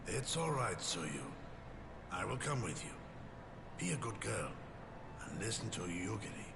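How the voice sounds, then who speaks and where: An actor playing a loyal, grave older samurai retainer in a game, gravelly and formal in an archaic way. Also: male voice, lowish voice, very animated, a little slow, heavily acted. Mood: gentle, soothing. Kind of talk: dramatic game cutscene acting. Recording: game audio with clear background noise.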